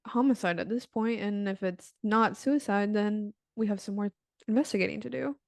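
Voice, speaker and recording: A woman's voice: medium pitch, normal speed, creaky, no echo, clean studio sound. A woman co-hosting a true-crime podcast, telling stories in a conversational way. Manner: conversational storytelling. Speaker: podcast co-host.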